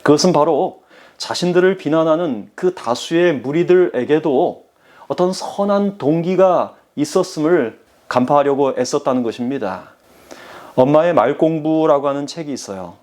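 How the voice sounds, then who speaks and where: A man's voice: fairly high pitch, darkish tone. A man giving a sermon as pastor, earnestly addressing the congregation.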